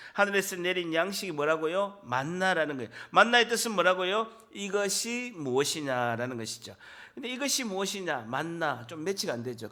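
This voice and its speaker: A man's voice: sits high, pushed and bright. A Korean man preaching a Sunday sermon in church, repeating key words and quizzing his congregation. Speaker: pastor. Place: church sanctuary.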